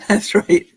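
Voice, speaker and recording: A woman with a darkish tone and a Philadelphia accent reads tarot cards on a livestream. Her manner is chatty and affectionate, sprinkled with frequent ums and restarts.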